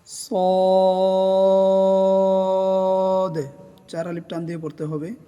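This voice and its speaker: A man teaching Arabic letter pronunciation calmly, drawing out each letter name as he says it. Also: on the high side, slightly rough, in a large hall, dull audio, faint music behind. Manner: calm, deliberate, drawn-out recited letter names. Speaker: Quran recitation teacher. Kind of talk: slow instructional explanation of letter pronunciation.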